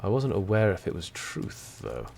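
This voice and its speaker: A man's voice: low voice, big pitch swings, moderate pace, creaky, a little mellow, slight background noise. A tired man, chatting casually and reading out viewer questions while gaming, in a laid-back, rambling, self-deprecating way. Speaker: streamer.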